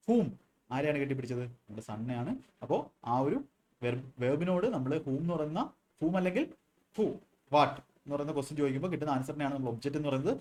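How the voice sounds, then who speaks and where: A man's voice: a little high, darkish tone. A man with a Malayali accent teaching an exam-prep English grammar lesson, asking and answering his own questions and repeating key words.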